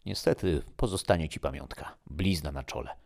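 Brisk male surgeon, calm and matter-of-fact, raised a little higher and louder than the reader's deep husky voice, as a male narrator puts him on. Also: exaggerated voice.

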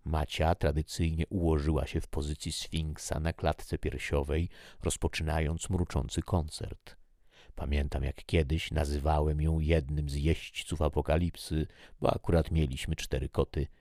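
A man narrating a first-person story in a measured, reflective way. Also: rumbling low, little pitch movement, mellow, no echo, clean studio sound.

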